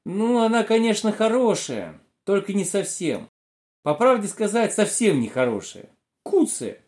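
A man's voice: high-pitched, big pitch swings, unhurried, a little mellow, voice pushed up. A man voicing a picky, stubborn young boy in a storybook reading, whiny and argumentative. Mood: fussy. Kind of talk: storybook character voice.

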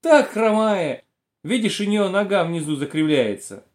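A man's voice: sits high, lively intonation, unhurried, voice pushed up. A man voicing a picky, stubborn young boy in a storybook reading, whiny and argumentative. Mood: fussy. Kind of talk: storybook character voice.

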